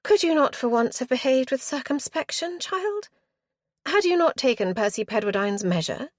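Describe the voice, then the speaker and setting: A woman reads a novel aloud, voicing a brisk, formal, tart Regency aunt whose pitch turns lively when she asks questions. The storybook recording is close and dry, with no echo.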